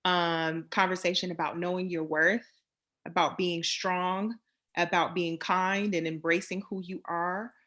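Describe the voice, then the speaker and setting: A woman's voice: on the low side, flat delivery, measured pace. A woman hosting an interview over a video call, encouraging her guest with plenty of um's. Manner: warm, encouraging, fillers. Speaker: interviewer host.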